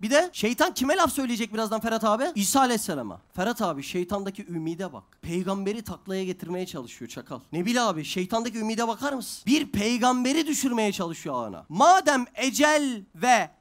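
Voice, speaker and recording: A man's voice: sits high, big pitch swings, fast talker, hardly any pauses. A man giving an earnest religious talk with personal stories, questioning his listeners by name and checking they follow. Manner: checks understanding with tag questions. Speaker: preacher at a youth center.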